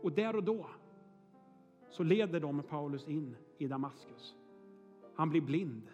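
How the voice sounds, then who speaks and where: Sounding a little high, animated and a little mellow, a pastor tells stories in his church hall sermon, chatting with lots of "eh" fillers and asking the congregation "är ni med?". The audio is lo-fi with a big-room sound and soft background music.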